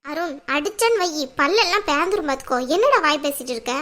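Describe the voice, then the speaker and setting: A woman voicing a worried middle-aged mother in a cartoon who scolds and pleads for calm. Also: sits high, quick pace. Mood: scolding. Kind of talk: cartoon voice acting.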